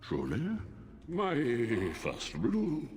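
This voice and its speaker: A man voicing a huge, lazy, condescending demon in bear form, a video game riddler who drawls slowly like a sphinx. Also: mid-range voice, huge pitch swings, a little mellow, heavily acted. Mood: slow, taunting. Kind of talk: fantasy video game voice acting.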